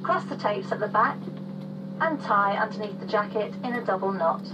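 High-ish female voice, flight attendant safety announcement, formal instructions, far from mic, humming noise. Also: lively intonation, moderate pace, dull audio. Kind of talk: scripted airline safety announcement. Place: aircraft cabin. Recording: distant cabin PA with clear hum.

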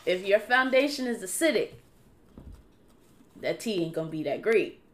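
A woman guest in a casual faith chat, speaking in a relaxed, affirming way and thinking aloud. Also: mid-range voice, moderate pace. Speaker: podcast guest.

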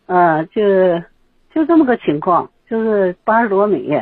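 A mature woman calls a radio show over a narrow, tinny phone line. She speaks casually and haltingly. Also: mid-range voice, very animated, breathy edge, no echo. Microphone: telephone.

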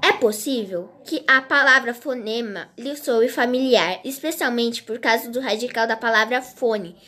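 Female teacher reading a grammar lesson, high-pitched, unhurried, stumbling now and then. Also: bright, forceful tone. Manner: slow, halting reading with restarts.

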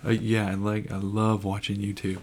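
A man's voice: fairly low pitch, monotone, moderate pace, darkish tone, slight background noise. A man, co-hosting a casual podcast and joking around teasingly. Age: 40s. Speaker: podcast co-host.

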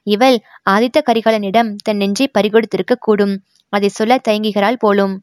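A woman narrating a historical novel chapter in measured, clear storytelling. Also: mid-range voice, fairly even intonation, darkish tone, no echo, clean studio sound. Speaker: audiobook narrator.

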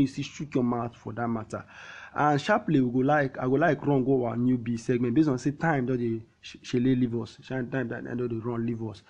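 A man with a Nigerian accent hosting a football talk show in casual Pidgin, animated, repeating himself and throwing out rhetorical questions. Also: mid-range voice, breathy edge, muffled recording. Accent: Nigerian, speaking Pidgin.

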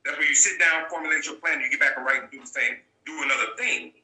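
A man's voice: on the high side, quick pace, bright, forceful tone, echoey room, low-quality recording. A man talking as an interview guest, telling his story bluntly and repeating key points for emphasis. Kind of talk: candid storytelling.

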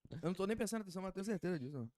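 A man's voice: high-pitched, animated, rapid-fire, a little mellow, dry recording, clean studio sound. A young man with a Brazilian accent, co-hosting a podcast and freestyling crude, teasing rhymes with friends. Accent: Brazilian Portuguese. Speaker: podcast co-host. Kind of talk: joking freestyle rap among friends.

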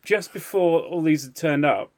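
A man co-hosting a podcast, telling a story in casual chat, animated and laughing often. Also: fairly high pitch, normal speed. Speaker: podcast co-host.

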